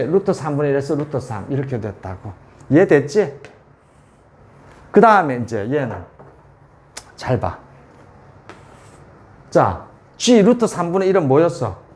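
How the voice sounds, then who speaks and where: A man's voice: on the high side, darkish tone. A man tutoring calculus at a board, repeating values and checking often that students follow. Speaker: math tutor. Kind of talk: whiteboard calculus lesson.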